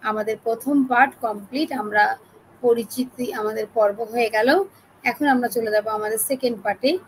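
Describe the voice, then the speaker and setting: High-voiced woman speaking softly with a sore throat. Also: normal speed, slight background noise, poor audio. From Bangladesh. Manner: chatty, friendly, addresses listeners as apu. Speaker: online class trainer. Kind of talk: live online class, reading out participants.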